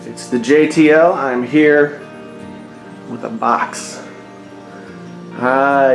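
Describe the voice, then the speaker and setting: A man in his forties talking casually in a wry, chatty way, speaking straight to his viewers in an unboxing vlog. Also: mid-range voice. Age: 40s. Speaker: tech YouTuber host. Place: home room. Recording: roomy echo with faint music.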